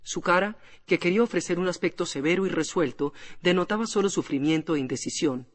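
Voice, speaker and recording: A man narrating a classic novel as an audiobook in a measured storytelling manner. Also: sits high. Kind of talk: scripted literary narration. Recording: long hall reverb.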